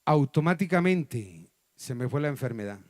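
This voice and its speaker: A man with a Colombian accent, a pastor preaching a testimony, storytelling dramatically with sudden loud and soft turns. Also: medium pitch, lively intonation, normal speed, no echo, studio quality. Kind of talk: sermon testimony. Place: church hall.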